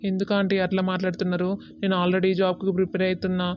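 A woman's voice: fairly low pitch, monotone, very fast, no echo, natural voice. A woman voicing an earnest young village man in love. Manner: earnest, placating. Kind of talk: cartoon voice acting. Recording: dull lo-fi audio.

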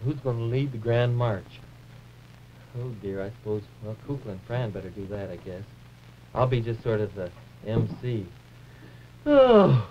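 On a live 1950s TV puppet show, a man voices a fussy, bossy male dragon who frets and sighs, full of oohs, while ordering others about. His voice is fairly low and lightly acted, with slight background noise and dull early-1950s TV audio.

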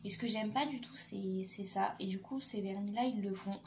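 A woman's voice: mid-range voice, moderate pace, a little mellow, a little hiss or hum. A young woman casually reviewing nail polish in a vlog, hesitant and full of fillers and repeats. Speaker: beauty vlogger.

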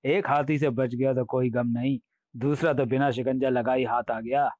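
A man's voice: steady tone, moderate pace, a little mellow, no room sound, dull audio, close to an everyday voice. A man voicing a boastful male demon in a comic audiobook, laughing and chanting as he taunts his prey and teases the readers. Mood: gloating. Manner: booming laughs, sing-song chants, teasing asides to readers.

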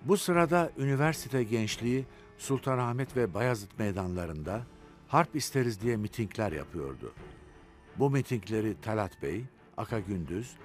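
Deep expressive documentary narrator, man. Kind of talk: scripted narration.

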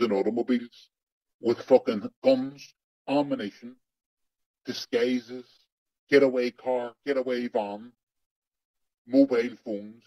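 A man's voice: mid-range voice, mellow, no room sound. A man interviewed about his past with his voice digitally altered to hide who he is. He talks bluntly and emphatically, swears often and repeats words for stress, over a dull remote connection. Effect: voice digitally altered to disguise identity. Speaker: interviewee, former undercover agent. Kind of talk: angry first-person testimony in an interview.

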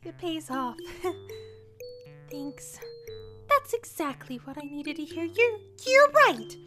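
Casting: heartbroken girlish princess, extremely high pitch, dramatic and whiny, audio drama with music underneath. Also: sing-song, slow, sharp tone, full character voice. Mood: softened, grateful. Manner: whiny, emotional, stammering delivery. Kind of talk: fan audio drama acting. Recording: music behind the voice.

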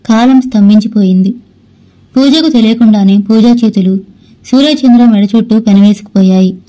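A woman's voice: medium pitch, moderate pace, warm tone, low-quality recording. A woman narrating a novel aloud as an audiobook, reading steadily and with expression. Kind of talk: storybook narration reading all parts.

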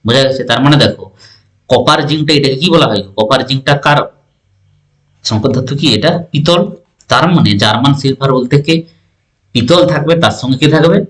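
In an exam-prep science lesson, a male teacher with a medium-pitched, fairly bright voice speaks a little fast but leaves long pauses. He repeats terms and keeps asking whether the listener is following along.

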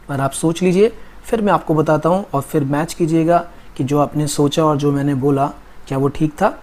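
A man with an Indian accent teaching spoken English, patiently explaining grammar and slowly drilling example sentences. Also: on the high side, darkish tone. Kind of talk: Hindi-language English lesson.

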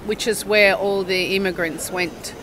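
Bright-voiced Australian woman in her sixties. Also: mid-range voice, steady tone, measured pace, a little hiss or hum, low-quality recording. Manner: rambling, self-correcting, checks in with the listener. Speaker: university English teacher. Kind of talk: casual interview, long storytelling answers. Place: outdoor cafe table on a town square.

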